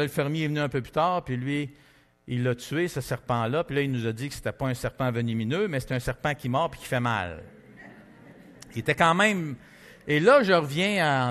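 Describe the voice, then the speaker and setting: A man with a Québécois French accent gives a testimony from the pulpit, talking the way he would to friends and filling his sentences with little fillers. His voice sits at an ordinary middle pitch. The sound trails off into the long reverb of a large hall. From Quebec. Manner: lively conversational storytelling, many fillers. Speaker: preacher. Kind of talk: testimony sermon.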